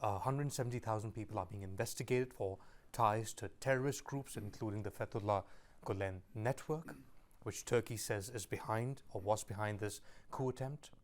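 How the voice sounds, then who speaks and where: A man hosting a formal news interview, putting his questions in a deliberate, emphatic way. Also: on the low side, slight background noise. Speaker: interviewer and host.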